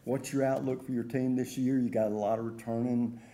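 Man, sports talk host, folksy, mellow voice, medium pitch. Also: flat delivery, a little fast.

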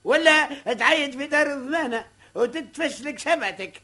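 An actor in an old Tunisian radio show comedy playing a fussy, scolding, taunting Hajj with a Tunisian accent. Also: male voice, very high-pitched, lively intonation, fairly quick, sharp tone, exaggerated voice. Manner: theatrical, bantering, argumentative.

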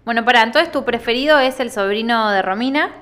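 A woman's voice: fairly high pitch, brisk, a bit bright. A young woman from Argentina with a Rioplatense accent, co-hosting a podcast in casual chat, telling stories with mock outrage and freely swearing. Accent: Rioplatense Spanish. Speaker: podcast co-host.

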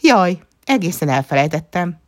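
A woman's voice: lowish voice, sing-song, no echo, studio quality, pitched above the performer's own voice. A woman voicing a hot-tempered, cheeky little girl fairy who shrieks and teases. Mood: teasing. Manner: shrieking, teasing.

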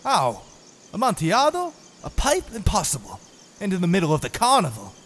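An actor playing a drunken, boastful middle-aged wine connoisseur who talks eagerly and repeats himself. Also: male voice, sits high, huge pitch swings, fairly quick, a bit bright, a little hiss or hum, full character voice. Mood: excited. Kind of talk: audio drama acting.

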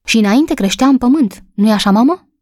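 A woman's voice: a little high, lively intonation, darkish tone, dry recording, clean studio sound, pitched above the performer's own voice. A woman voicing a small boy who asks eager, curious questions in an audiobook story.

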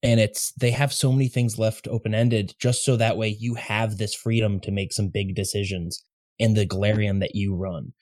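Male podcast host, lowish voice, dry close sound, eager casual chat. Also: steady tone, normal speed, a little mellow, no room sound.

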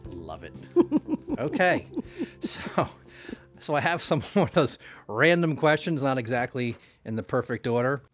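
Man, upbeat show host, quick to laugh, eager questions. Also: medium pitch, big pitch swings, faint music behind. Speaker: interview host. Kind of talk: casual interview.

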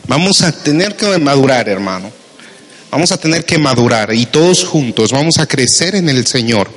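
A man's voice: mid-range voice, lively intonation, moderate pace, fairly bright tone. A Mexican man preaching a sermon as pastor, asking his listeners questions and calling them brother. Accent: Mexican Spanish. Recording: long hall reverb.

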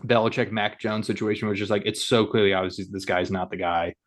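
A man's voice: on the low side, steady tone, fast talker. A young man co-hosting a sports podcast, chatting casually and laughing often between playful bits. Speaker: podcast co-host.

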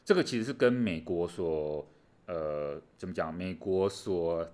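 A man's voice: deep voice, measured pace, a little mellow. A man co-hosting a casual chat on world affairs, explaining things animatedly with many fillers. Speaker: co-host.

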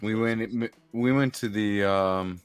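Unhurried male podcast co-host, laid-back chat, faint music behind. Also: fairly low pitch, fairly even intonation, clear, resonant tone. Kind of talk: casual chat.

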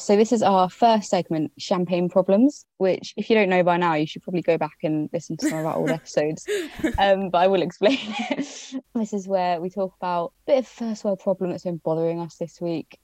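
A woman's voice: mid-range voice, brisk, warm tone, no echo. A young woman co-hosting a podcast in her morning voice, teasing and giggly. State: morning voice, just out of bed. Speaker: podcast co-host. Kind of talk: casual chat.

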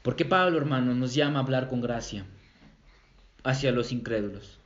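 A man's voice: mid-range voice, normal speed. A man preaching a sermon as a pastor, emphatic, repeating key phrases and checking with the congregation. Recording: roomy, dull lo-fi sound.

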